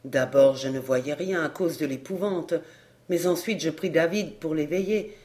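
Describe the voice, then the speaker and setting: A reader narrating a nineteenth-century novel in a measured, solemn way, as an audiobook. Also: mid-range voice, darkish tone.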